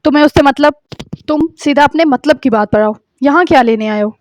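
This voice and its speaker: An earnest young man pleads and later snaps curtly, as a woman reads him aloud from a novel. The voice sits high and light. The sound is dry and close. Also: no room sound, natural voice. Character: young man, pleading, then curt and harsh. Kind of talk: audiobook novel reading.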